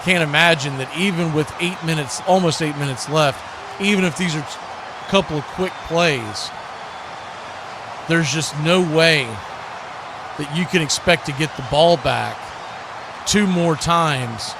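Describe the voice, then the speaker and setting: Background noise fills this noisy live stream as an American sports announcer describes football action play by play. He talks unhurriedly with frequent pauses, his pitch fairly high, clipping his phrases short and repeating words as things happen.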